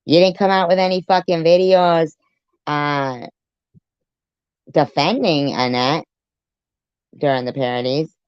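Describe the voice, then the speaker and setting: A commentator with a deep pitch-shifted voice, reacting to a clip with blunt, profane sarcasm. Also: fairly even intonation, measured pace, pauses often, smooth, no echo, lo-fi sound. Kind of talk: ranting commentary.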